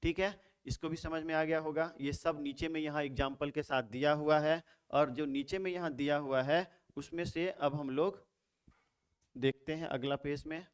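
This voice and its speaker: A man teaching English grammar in a Hindi lecture, asking rhetorical questions and answering them himself, repeating key terms slowly. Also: a little high, fairly even intonation, smooth.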